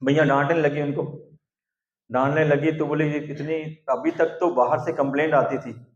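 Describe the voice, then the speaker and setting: A man's voice: a little high, normal speed. A man giving a devotional class, telling a sacred story and acting out its scenes with a raised voice. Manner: animated, acts out scenes with raised voice. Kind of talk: storytelling sermon. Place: temple or devotional gathering room. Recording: roomy dull lo-fi recording.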